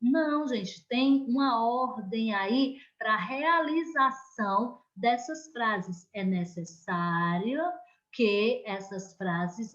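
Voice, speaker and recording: A woman's voice: sits high, fairly bright tone, muffled recording. A woman teacher with a Brazilian Portuguese accent, giving an online lesson to young pupils in a careful, emphatic way. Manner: slow, careful, emphatic classroom delivery.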